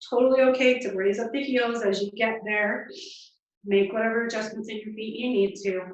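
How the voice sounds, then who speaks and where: A woman leading a yoga class, giving calm, encouraging cues and counting breaths, a little out of breath as she moves. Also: on the high side, fairly quick. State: slightly out of breath. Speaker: yoga instructor. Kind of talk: guided yoga class instruction. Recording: distant, echoey, muffled room sound.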